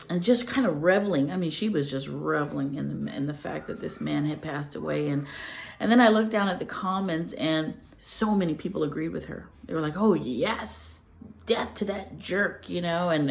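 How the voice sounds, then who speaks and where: A woman's voice: fairly low pitch, creaky, a little hiss or hum. A woman hosting her own channel, talking earnestly and telling stories in a casual, heartfelt way. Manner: earnest, animated storytelling with laughter. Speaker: channel host. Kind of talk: casual spoken reflection.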